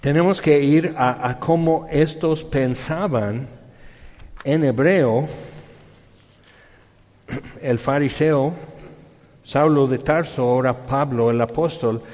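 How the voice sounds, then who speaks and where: A middle-aged man with a Mexican accent preaching a sermon in a lively, colloquial storytelling manner, with spoken sound effects. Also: mid-range voice, takes it slowly, long pauses. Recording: dull reverberant hall.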